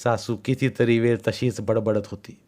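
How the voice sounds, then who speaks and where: A man narrating a village tale in a measured, deliberate reading. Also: mid-range voice, steady tone, darkish tone. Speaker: storyteller. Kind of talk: storybook narration.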